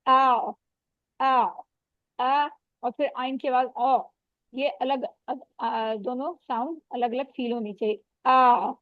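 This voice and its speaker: A woman teaching Quran recitation rules in an online class, patiently correcting students and modelling sounds slowly. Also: high voice, fairly even intonation, dry recording, phone-quality sound.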